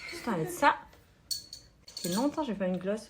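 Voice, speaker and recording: A woman vlogging casually, chatty and excitable, talking to her viewers. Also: medium pitch, normal speed, background noise. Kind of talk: casual travel vlog chat.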